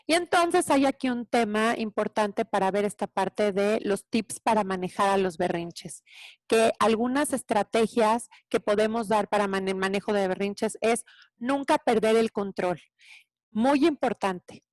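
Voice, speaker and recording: A woman teacher gives an animated parenting talk, acting out children's voices. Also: medium pitch, measured pace, no room sound.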